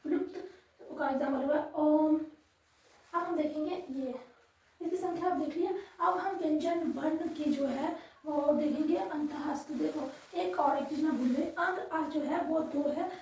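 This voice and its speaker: A young woman with a high voice teaches a grammar lesson, patiently sounding out each letter and repeating it. The sound is very echoey, and her voice comes from some distance from the mic. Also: a little mellow. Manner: patient, repeats sounds slowly, frequent "theek hai" checks. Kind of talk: Hindi grammar lesson, explaining at a board. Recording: echoey room, voice from far off.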